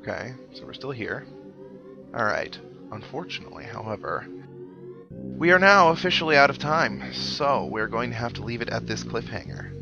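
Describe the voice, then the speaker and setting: Creaky and animated, this mid-range male voice moves at normal speed while the host of a playthrough series chats casually and wryly about his game. Loud video game music drowns a dull, lo-fi microphone.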